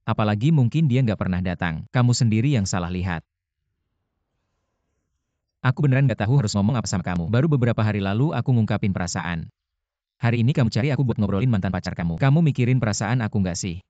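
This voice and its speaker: A quick-talking, sarcastic young man, as a male dub actor plays him, blunt and cutting in dubbed TV drama dialogue. His voice sits low and dark. The dry studio sound is dull and lo-fi. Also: lively intonation, no echo, lightly acted. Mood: exasperated.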